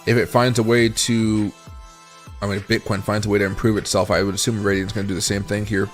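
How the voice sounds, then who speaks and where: A tired, raspy male crypto streamer hosts a casual livestream, rambling and thinking aloud as he scrolls charts and reads chat. His voice is on the low side, delivered flat and fast, with faint music behind.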